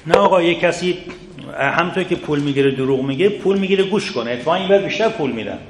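A man's voice: fairly high pitch, lively intonation. A man giving a religious lecture to seminary students, earnest and full of rhetorical questions aimed straight at his listeners. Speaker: seminary teacher. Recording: echoey room, faint background noise.

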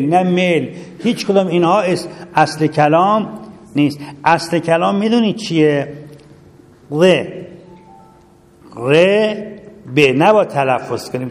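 Man lecturing in a reverberant hall. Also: fairly high pitch. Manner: lively, asks the class questions. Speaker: seminary teacher. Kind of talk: classroom lecture.

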